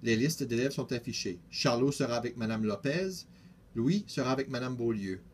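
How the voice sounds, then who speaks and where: A teenage boy reading a children's picture book aloud, steady and careful, with small restarts. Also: mid-range voice, normal speed, a little hiss or hum. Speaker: student reader.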